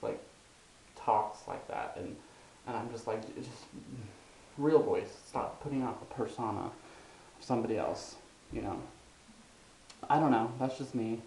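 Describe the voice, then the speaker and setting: A man's voice: mid-range voice, a little mellow. A young man talking casually in a personal vlog, rambling and hesitant with many ums and restarts. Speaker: vlogger. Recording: roomy echo, faint hiss.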